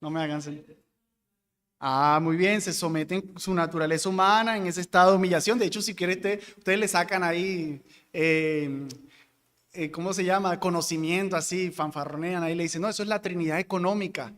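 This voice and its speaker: High-voiced man teaching Bible class. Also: fairly even intonation, moderate pace, a bit bright, in a large hall. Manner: explanatory, asks the class questions and answers them.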